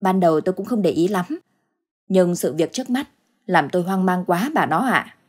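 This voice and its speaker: A woman voicing a frightened elderly village husband in a ghost story, with a husky voice and an anxious, pleading way of talking. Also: lowish voice, normal speed, darkish tone. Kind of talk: storybook ghost tale acting.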